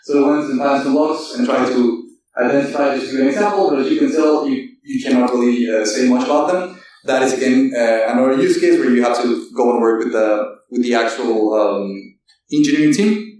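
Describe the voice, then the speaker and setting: A man giving a technical conference presentation, halting and full of fillers and self-corrections. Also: mid-range voice, darkish tone, a little hiss or hum. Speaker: conference speaker. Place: conference hall. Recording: echoey hall, distant mic.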